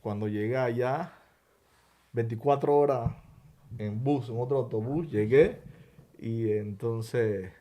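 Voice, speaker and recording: A man tells his own story as a talk-show guest, his voice sitting at an ordinary middle pitch. He often breaks off and restarts words. He acts out the quoted lines of the people in his story. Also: takes it slowly, long pauses, dark tone. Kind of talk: personal story told in interview.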